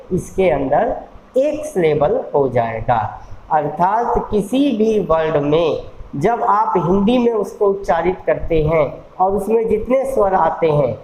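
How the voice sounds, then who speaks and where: A teacher explains syllables at an unhurried, careful pace, drawing out each vowel sound and checking understanding with questions. The voice sits in the middle range and carries a roomy echo. A faint hiss runs under it. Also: medium pitch, a little mellow. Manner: slow, deliberate, repeats sounds aloud and asks rhetorical questions. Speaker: law college English teacher. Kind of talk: bilingual classroom lecture.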